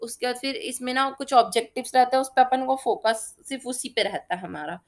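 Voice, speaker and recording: A woman's voice: on the high side, fairly quick. A woman tutor giving a casual spoken lesson, chatty and often checking that her students are following. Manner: chatty, keeps checking "theek hai?" and uses everyday examples. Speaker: exam-prep tutor.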